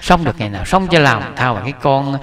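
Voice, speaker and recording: A man's voice: mid-range voice, animated, fast talker, fairly bright tone, lightly acted. A man voicing a one-legged old man who weeps for his dying sister and protests indignantly. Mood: tearful pleading. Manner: tearful, indignant pleading. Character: grieving angry old man, one-legged, sobbing and accusing.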